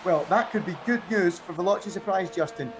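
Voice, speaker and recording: A man's voice: high-pitched, brisk, noisy background. A man giving co-commentary and analysis on a live esports race, chatty and fond of rhetorical questions.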